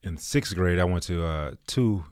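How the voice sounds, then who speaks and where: A man's voice: low-pitched, measured pace, a little mellow, dry recording, studio quality. A man in his early thirties from Texas, chatting casually with slang and frequent laughs. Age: 30s. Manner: laid-back, slangy, laughs often. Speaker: guest. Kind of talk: casual chat.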